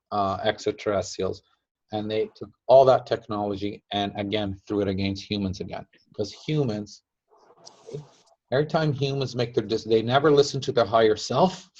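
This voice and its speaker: A man casually explaining a story in slow, emphatic phrases that trail off softly. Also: fairly low pitch, breathy edge, lo-fi sound.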